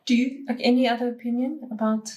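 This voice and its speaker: A woman's voice: on the high side, fairly even intonation, quick pace, warm tone, lo-fi sound. A middle-aged woman hosting a podcast panel, speaking thoughtfully with fillers and restarts. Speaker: podcast host. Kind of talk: casual panel discussion.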